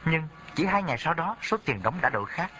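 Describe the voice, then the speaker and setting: Male memoir reader, bright and lively delivery, dull lo-fi tape with faint hiss. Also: a little high, fairly quick. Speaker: narrator. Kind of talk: memoir audiobook reading.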